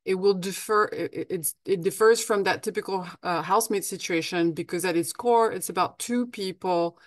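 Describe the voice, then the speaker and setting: A French woman with a French accent gives a friendly, practical presentation as a guest over a video call, full of fillers and restarts. Her voice is fairly low and moderately paced, recorded dry.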